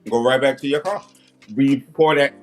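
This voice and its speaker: A man's voice: mid-range voice, fairly even intonation, normal speed, soft background music. A man on a casual panel chat, emphatic and incredulous, joking as he argues his point.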